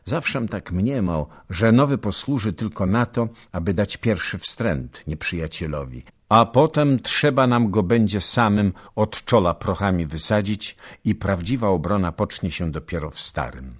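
A man voicing a worried old general who speaks gravely with a breaking voice. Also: fairly low pitch, lively intonation, moderate pace, few pauses. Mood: grave worry. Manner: grave, broken voice.

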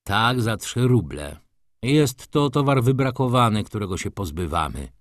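A man voicing a calm, firm male merchant who speaks in a measured, composed way. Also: lowish voice, no echo, clean studio sound.

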